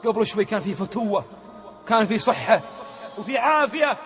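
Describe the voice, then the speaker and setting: Fervent high-voiced preacher. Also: male voice, animated, a little fast, faint music behind. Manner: fervent, swings between hushed and shouting. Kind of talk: sermon storytelling. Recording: long hall reverb.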